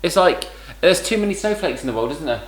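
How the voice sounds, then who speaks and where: A man's voice: fairly high pitch, animated, fast, reverberant, rough recording. A man co-hosting a podcast, swearing freely and ranting in a jokey, crude banter style. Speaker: podcast co-host.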